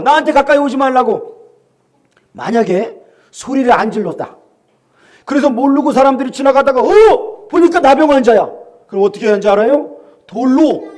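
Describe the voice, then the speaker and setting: Male pastor with Gyeongsang accent, very high voice, animated storytelling sermon, shouts out quoted lines, quizzes the congregation. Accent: Gyeongsang Korean. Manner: asks the congregation questions.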